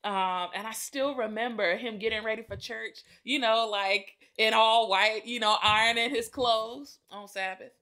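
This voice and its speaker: Woman podcast host with a slightly high voice, casual and heartfelt, who addresses listeners directly as y'all. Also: steady tone, unhurried, few pauses, pushed and bright. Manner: chatty, addresses listeners as y'all, laughs often. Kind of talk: personal reflective address.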